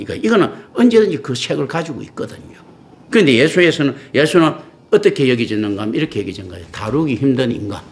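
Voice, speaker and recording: A middle-aged man preaching a sermon as pastor, in blunt everyday language, firing off rhetorical questions and acting out imagined speakers in quoted asides. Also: medium pitch.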